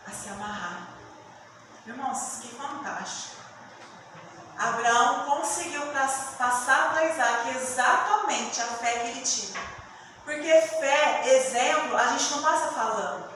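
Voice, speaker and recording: A woman preaching a sermon with emotive storytelling, dropping to a hush and then rising loud again. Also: high-pitched. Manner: emotive storytelling, swinging between hushed and loud. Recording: echoey hall from far off with room noise.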